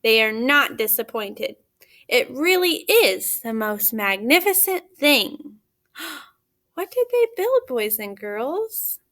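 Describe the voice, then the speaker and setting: A teacher with a high, fairly bright voice reads a picture book aloud to young children, her pitch swinging widely. She asks simple questions and pauses to let them answer.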